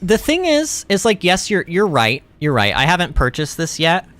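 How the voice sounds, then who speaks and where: A young man hosting a game livestream, chatting loosely and answering his chat as he plays. He rambles and laughs easily. His fairly high voice leaps up and down with lively swings in pitch. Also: normal speed. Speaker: streamer. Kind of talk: livestream gaming commentary.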